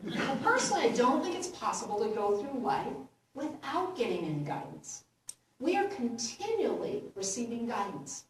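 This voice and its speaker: A woman minister giving a gentle, unhurried sermon, laughing lightly at her own jokes. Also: fairly high pitch, slight background noise. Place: church sanctuary. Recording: roomy echo from far off.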